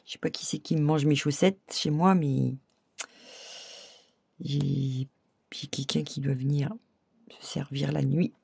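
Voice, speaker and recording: Husky gravelly woman crafting tutorial. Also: deep voice, fairly even intonation, slow, long pauses, warm tone, no echo, studio quality. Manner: chatty, laughs often, addresses viewers directly. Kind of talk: casual craft tutorial talk.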